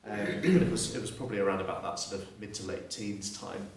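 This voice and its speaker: Heard from far off the mic amid heavy reverb and slight background noise, a thirtysomething guest speaker from Surrey talks fast in a fairly low, somewhat mellow voice. With his Southern English accent, he shares a sincere, reflective testimony and frequently starts sentences over.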